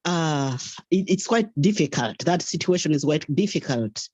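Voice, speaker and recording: A guest in a casual discussion, speaking thoughtfully and pausing to restart sentences. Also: mid-range voice, lively intonation, a little mellow, no room sound. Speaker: guest caller. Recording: muffled dry lo-fi audio.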